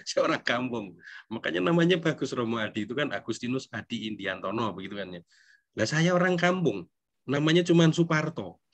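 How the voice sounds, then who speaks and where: Relaxed middle-aged Indonesian priest. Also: male voice, mid-range voice. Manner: conversational, self-deprecating, tag questions. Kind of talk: recollection talk. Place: church hall.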